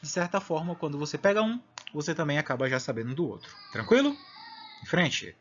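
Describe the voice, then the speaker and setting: A man's voice: fairly high pitch, sing-song, a little fast, fairly bright tone. A Brazilian man teaching a discrete math lecture, explaining step by step and often checking in with his listeners. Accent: Brazilian Portuguese. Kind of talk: recorded online lecture. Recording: dull lo-fi recording.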